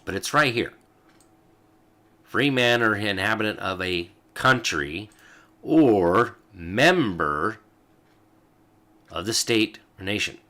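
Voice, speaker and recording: A man's voice: on the low side, expressive, takes it slowly, long pauses, sharp tone. A man hosting a show, reading old legal texts aloud and explaining them with fillers and asides. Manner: talks as he reads, with fillers and asides. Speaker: host.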